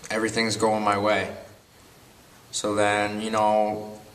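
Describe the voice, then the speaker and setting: A young man in his twenties from Connecticut speaks in a measured, unhurried way. His voice is low and very flat, recorded from a distance with a faint hiss underneath. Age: 20s. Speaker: interviewee. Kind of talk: documentary testimony.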